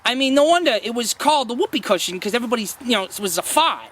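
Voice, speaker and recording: A man playing a deluded, boastful washed-up circus prop comic who rambles haltingly and defensively in a mock-documentary interview. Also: extremely high pitch, animated, a bit bright, full character voice. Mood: rambling, self-important.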